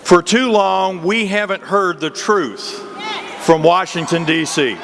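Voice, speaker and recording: A man's voice: sits high, slow pace, vocal fry, a crowd in the background. A man giving an emphatic introduction at a political rally, delivering it phrase by phrase. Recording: noisy amplified rally venue.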